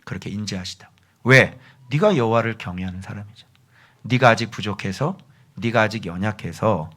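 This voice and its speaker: A man preaching a sermon as a pastor. He fires rhetorical questions at his listeners, rising to shouted rebukes and then dropping to hushed, near-whispered lines. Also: on the low side. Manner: rhetorical questions aimed at the congregation.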